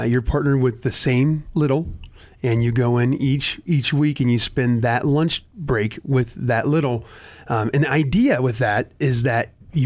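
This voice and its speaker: A man's voice: mid-range voice, a little mellow. An earnest man, a guest on a talk show, speaking casually with frequent restarts about volunteering. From United States. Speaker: nonprofit director, guest.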